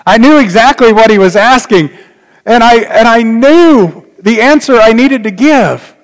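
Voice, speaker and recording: With an extremely high, expressive voice and a measured pace, a middle-aged pastor preaches from a church pulpit. His tone is earnest and reflective, and he falls to a near-whisper on the points that matter most. The large sanctuary adds a long, echoing reverb.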